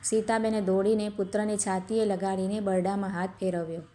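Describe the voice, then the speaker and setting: A woman narrating a moral story in a steady, measured storytelling way. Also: medium pitch.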